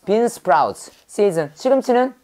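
A woman teaching English vocabulary in a brisk call-and-response drill. She fires off quick questions and repeats each word over and over. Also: mid-range voice, sing-song, warm tone.

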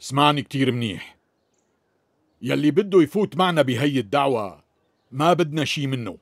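Husky, solemn Syrian Arabic elder. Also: male voice, medium pitch, animated, fairly quick, no room sound, clean studio sound. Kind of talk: dubbed period TV drama dialogue.

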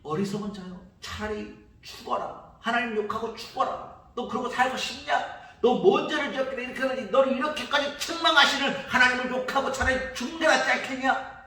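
A man's voice: very high-pitched, brisk, sharp tone, voice pushed up. A man voicing a scornful wife who taunts and scolds her suffering husband in a harsh, rising tone. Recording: echoey church hall from far off.

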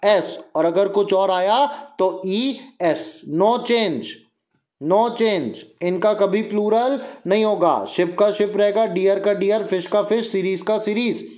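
A young man teaching a grammar lesson, repeating words and asking the listener quick questions to drill them in. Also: high-pitched, a little mellow. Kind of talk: Hindi grammar lecture mixing in English terms.

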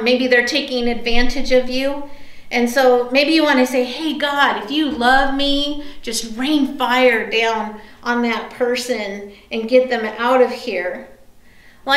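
A woman's voice: a little high, fairly bright tone, reverberant, rough recording. A woman pastor giving a sermon, telling a story in a conversational way with fillers and asides to the listeners. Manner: conversational storytelling with many fillers and tag questions.

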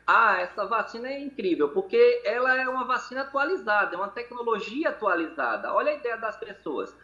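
Doctor guest, male, bright forceful voice, calling in on a dull echoey line. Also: sits high, big pitch swings, a little fast. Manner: hesitant, repeats words while explaining. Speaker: infectious disease doctor guest. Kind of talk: explanatory interview answers. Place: hospital. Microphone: video call. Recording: lo-fi echoey video call audio.

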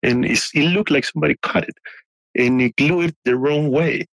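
Halting man in his forties telling a story. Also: on the high side, vocal fry, fairly bright tone, no room sound, poor audio. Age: 40s. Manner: halting, many restarts and fillers. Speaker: guest. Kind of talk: casual storytelling.

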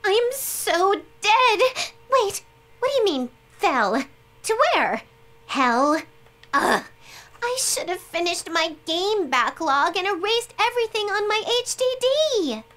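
A woman's voice: extremely high pitch, big pitch swings, takes it slowly, fairly bright tone, full character voice. A woman voicing a bubbly, scatterbrained and cheeky young girl heroine in an anime video game, playful and dramatic. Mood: panicked. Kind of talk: English video game voice acting.

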